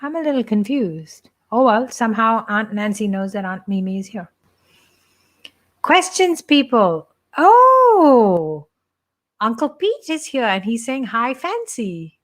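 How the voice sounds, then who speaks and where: Joking with viewers in a casual, playful live stream for her church, a middle-aged woman from India speaks with an Indian accent. Her fairly bright voice runs on the high side, slow and sing-song.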